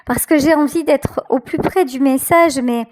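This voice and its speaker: A channel host reads tarot cards intuitively for her viewers, addressing them directly. She has a high voice with a darkish tone and a very slow, hesitant delivery, often stopping to find the right words.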